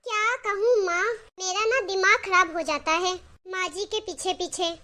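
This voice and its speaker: A woman's voice: very high voice, fairly even intonation, unhurried, pushed and bright, full character voice. A woman voicing a fretful, impatient young married daughter in a cartoon story. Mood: earnest.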